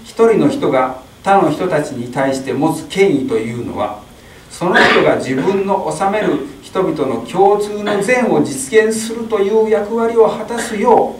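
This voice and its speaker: A middle-aged man reading a translation of a sermon aloud in a small chapel, steady with small slips. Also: high-pitched, a little hiss or hum. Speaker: interpreter at a Mass. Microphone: stand mic. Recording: echoey chapel, distant mic.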